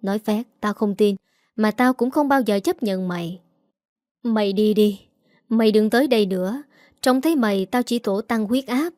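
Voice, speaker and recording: A woman's voice: mid-range voice, moderate pace, dark tone, no room sound, studio quality, close to an everyday voice. A woman voicing a bitter, harsh older mother-in-law who curses and scolds. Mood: scornful. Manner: scolding, cursing.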